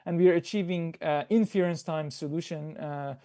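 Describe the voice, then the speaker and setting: A man presenting a prepared startup pitch over a video call, explaining methodically and answering his own questions. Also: moderate pace, dark tone.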